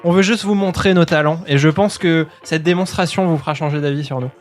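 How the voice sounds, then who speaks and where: A man's voice: fairly high pitch, fairly even intonation, a little fast, pitched above the performer's own voice, lightly acted. A man voicing a grandiloquent, boastful doctor who hawks miracle cures to a crowd in a tabletop role-play. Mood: defiant showman. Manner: pompous, proclaiming to a crowd.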